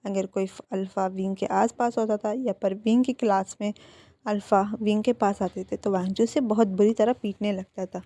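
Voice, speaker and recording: A woman casually retelling a fan story, chatty and loose with filler phrases. Her voice is warm and mellow, mid-pitched. The sound is close and dry. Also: fairly even intonation, moderate pace, no room sound.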